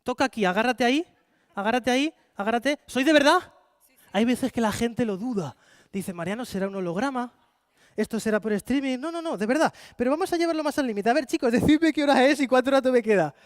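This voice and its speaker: Male stage magician, Spanish accent, very high voice, brisk playful patter, dry close sound. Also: animated, dry recording. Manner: fast, playful showman, coaxing volunteers. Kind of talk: live card-magic show with audience volunteers. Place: conference hall with live audience.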